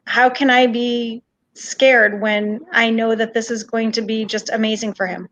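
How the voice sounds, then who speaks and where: A woman, a guest and mother, talking excitedly over a remote call. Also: on the high side, unhurried. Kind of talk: casual interview. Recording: dull lo-fi call audio.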